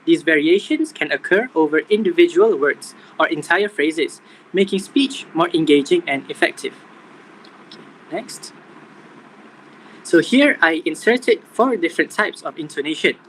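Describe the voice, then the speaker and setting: A man's voice: on the high side, a little slow, slight background noise, poor audio. Young man reading a class presentation. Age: young adult. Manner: steady, reading from a script. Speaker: student presenter.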